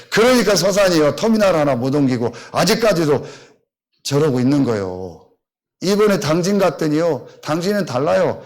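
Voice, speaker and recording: Man, pastor; somewhat high, animated voice; blunt, questioning sermon delivery. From Seosan, South Korea. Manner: blunt, scolding, rhetorical questions to the congregation.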